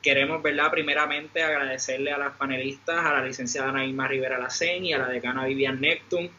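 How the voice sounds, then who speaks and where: Even-toned, bright male moderator. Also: medium pitch, brisk, muffled recording, slight background noise. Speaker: panel moderator. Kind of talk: moderating, closing remarks.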